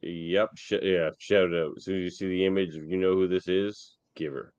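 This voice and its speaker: A man's voice: deep voice, normal speed, clear, resonant tone, no room sound, muffled recording. A man hosting a casual podcast, running a quiz and teasing his guests. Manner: lively, teasing quizmaster.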